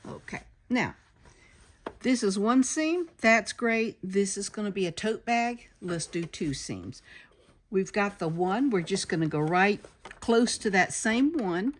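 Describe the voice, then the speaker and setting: A woman's voice: mid-range voice, lively intonation, unhurried. A woman giving a hands-on sewing tutorial, explaining each step as she goes, with sewing machine noise behind her. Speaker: sewing instructor. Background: sewing machine noise and clicks.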